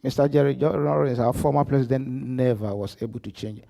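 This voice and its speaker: A middle-aged man from Ghana with a Ghanaian accent, an apostle giving a live-streamed church address that swings between loud emphasis and soft asides. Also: mid-range voice, a little fast, gravelly. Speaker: apostle preaching.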